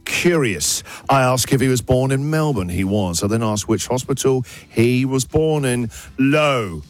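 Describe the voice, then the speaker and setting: A man hosting a breakfast radio show, telling listeners' stories in a playful, animated way. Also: medium pitch, unhurried.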